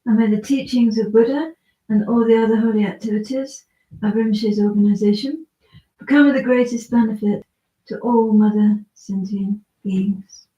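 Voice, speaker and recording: A woman leading a Buddhist practice, speaking earnestly and in a measured way, softly announcing and reading prayers aloud inside an echoey cave. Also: a little high, fairly even intonation, muffled recording. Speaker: leader of a Buddhist practice session. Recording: echoey cave, distant mic.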